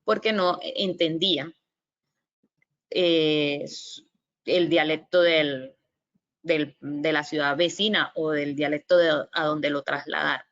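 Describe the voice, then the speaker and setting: A woman's voice: low-pitched, steady tone, takes it slowly, a bit bright. A woman giving a virtual lecture on Mandarin basics, explaining patiently with frequent fillers and sounding out example syllables. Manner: models tones by sounding syllables. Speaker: Mandarin language presenter. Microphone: computer microphone on a video call. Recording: slightly dull lo-fi audio.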